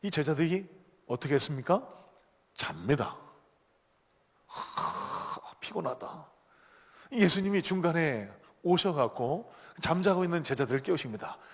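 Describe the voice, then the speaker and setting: A Korean pastor preaches with animated storytelling, building to emphatic peaks. His voice sits a little high for a man. A long reverb hangs in the church hall. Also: normal speed. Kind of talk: sermon.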